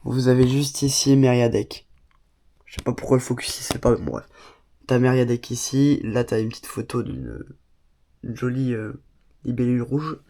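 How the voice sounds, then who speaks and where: With a warm, medium-pitched voice at normal speed, a Bordeaux man fighting a cold shows off his small home studio room. It's a casual, enthusiastic vlog packed with fillers and asides, and there's slight background noise.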